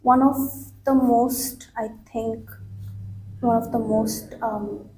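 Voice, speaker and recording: A young Bangladeshi woman sits a mock IELTS speaking test in a small indoor office, her fairly high voice slow, flat and somewhat dark as she fills her answers with hesitations and restarts. The room is echoey, with faint background noise.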